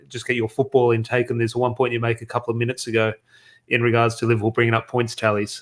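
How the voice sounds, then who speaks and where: Guy on a football podcast, talks fast, keeps tripping over his words and starting over. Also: medium pitch. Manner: rambling, stumbles and restarts often. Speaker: podcast co-host. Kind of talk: casual football podcast chat.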